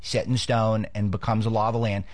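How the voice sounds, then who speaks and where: A man's voice: fairly low pitch, level tone, a little fast, no room sound. A man from Los Angeles hosting a political commentary show, talking off the cuff with frequent restarts. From Los Angeles, United States.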